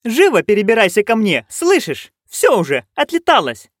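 A male reader voicing a loud, bossy old witch woman who shrieks and scolds. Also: extremely high pitch, huge pitch swings, moderate pace, dry recording, studio quality, pitched above the performer's own voice, heavily acted. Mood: shrieking.

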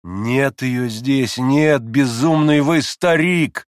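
A man voicing an angry, sharp-tongued young man who shouts at his father, in an audiobook. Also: mid-range voice, very slow, dry recording, studio quality.

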